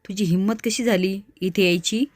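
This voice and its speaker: A woman's voice: mid-range voice, steady tone, normal speed, dry recording, lightly acted. A woman doing an imperious scheming lady. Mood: commanding. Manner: shouting, commanding.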